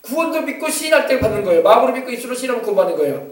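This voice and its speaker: A man pastor preaching a sermon, emphatic and exhorting, moving between loud commands and quieter asides. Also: very high-pitched, very animated, very fast. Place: church sanctuary. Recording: echoey church hall from far off.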